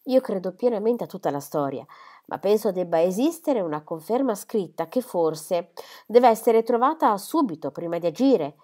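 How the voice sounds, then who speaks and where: A woman voicing a calm middle-aged male country doctor who speaks in a measured, reasoning way. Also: mid-range voice, lightly acted.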